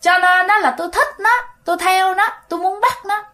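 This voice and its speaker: A woman voicing the ghost of a young girl who has taken over a living body, speaking in a high, teasing sing-song. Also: fairly even intonation, fairly quick, pushed and bright. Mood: eerie teasing. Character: young female ghost possessing a girl, eerie, playful.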